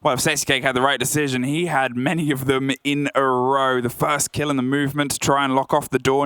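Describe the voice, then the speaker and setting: Bright-voiced male esports caster, dramatic. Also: medium pitch, dry recording. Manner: dramatic, colourful phrasing. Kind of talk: live esports play-by-play commentary.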